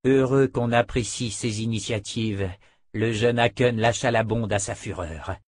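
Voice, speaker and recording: Husky-voiced male audiobook narrator. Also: lowish voice. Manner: steady, measured storytelling. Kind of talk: scripted narration.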